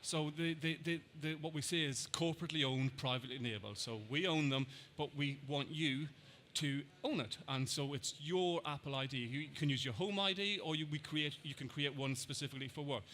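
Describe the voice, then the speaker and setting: Irish man, conference speaker, bright and forward voice, stop-start delivery with repeated words. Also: a little high, a little fast, hardly any pauses, slight background noise. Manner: hesitant, repeats words, quotes people. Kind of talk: answering audience questions.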